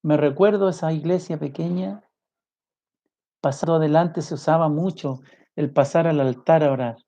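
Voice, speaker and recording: A man preaching a sermon with passion, firing off rhetorical questions and swinging his voice high and low. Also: fairly even intonation, moderate pace. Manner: impassioned, rhetorical questions, big swings in pitch and loudness. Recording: muffled lo-fi recording.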